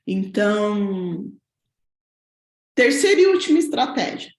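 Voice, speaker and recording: Speaking slowly in a mid-range, sing-song voice with roomy sound, a parenting educator teaches a talking-head lesson from her home. She goes through it step by step, often checking in with tag questions.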